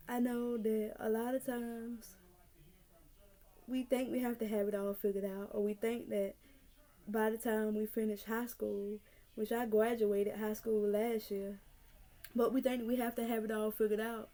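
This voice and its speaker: A woman's voice: fairly high pitch, mellow. A nineteen-year-old woman from North Carolina, talking earnestly to her camera in a casual vlog and repeating her points to encourage the viewer. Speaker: vlogger. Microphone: camera mic.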